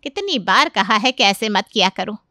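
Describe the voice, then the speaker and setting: A woman's voice: medium pitch, animated, normal speed, bright, forceful tone, dry recording, clean studio sound. A woman voicing an exasperated middle-aged mother-in-law in a cartoon, complaining and scolding her family. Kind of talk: cartoon voice acting.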